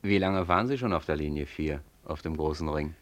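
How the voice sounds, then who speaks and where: In a German radio play, a male actor with an extremely low voice and brisk delivery plays a passenger who narrates the story. The character is curious and admiring, chatting with the listener in a confiding way.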